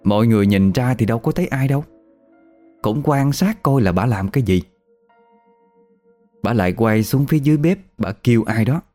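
A man's voice: mid-range voice, expressive, brisk, long pauses, dark tone, faint music behind. A man telling a ghost story in a chatty, conversational way. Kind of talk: casual spoken ghost story.

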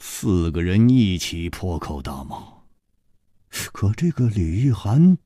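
A man narrating a martial-arts novel as a radio storyteller, with a dramatic, highly varied delivery. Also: sing-song, slow pace, dark tone, slightly rough, no echo, studio quality.

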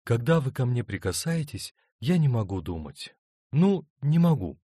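A tender young wife, torn between two loves, pleads and hesitates in a lifted, softened voice, as a man puts her on. Her words come emotional and uncertain in a storybook reading. The recording is dry and close. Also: mid-range voice, big pitch swings, moderate pace, husky, dry recording, voice pushed up.

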